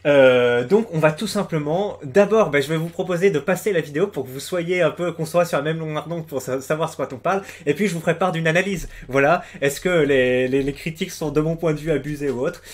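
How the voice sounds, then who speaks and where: Young male YouTuber, fairly high voice, hesitant casual commentary, lots of fillers, dry sarcasm. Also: a little fast, few pauses. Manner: hesitant, many fillers and restarts. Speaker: YouTuber commenting on a music video. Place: room at home with the door closed.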